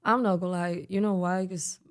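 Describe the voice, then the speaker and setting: Young woman, Spanish accent, soft and low-pitched, calm interview guest. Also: fairly quick, clear, resonant tone. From Spain. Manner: soft, low and calm, never raising her voice. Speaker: guest singer. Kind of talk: casual interview chat.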